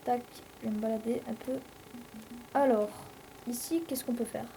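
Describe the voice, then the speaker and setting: Young woman, chatty game commentary, mellow voice, rambling fillers. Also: a little high, steady tone, normal speed, slight background noise, rough recording. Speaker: let's play host. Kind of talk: casual gameplay commentary.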